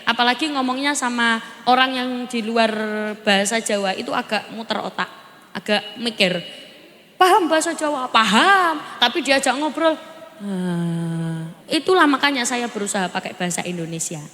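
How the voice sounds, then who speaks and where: A woman's voice: a little high, animated, normal speed, a bit bright, big-room sound. A woman preacher with a Javanese accent gives a humorous sermon on stage at a large gathering, chatting playfully and quizzing her audience.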